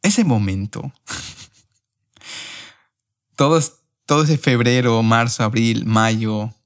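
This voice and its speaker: A young man on a podcast, telling a personal story in an emotional, animated way. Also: mid-range voice, very slow. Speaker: podcast host.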